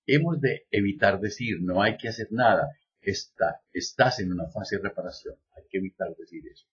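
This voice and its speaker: A man giving a lecture, reading a text aloud at an even pace and adding slow joking asides. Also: fairly low pitch, husky, muffled recording. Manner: reads steadily, then drops in slow joking asides. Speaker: lecturer on biodecoding.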